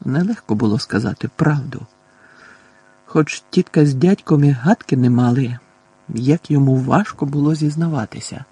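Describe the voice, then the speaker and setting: A man narrating an audiobook in a measured, expressive reading. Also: medium pitch, husky, no echo.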